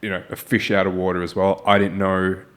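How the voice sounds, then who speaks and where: This man from Malaysia has a deep but fairly bright voice, delivered briskly and completely flat. Hosting a casual podcast interview, he encourages his guest earnestly and keeps adding "right?".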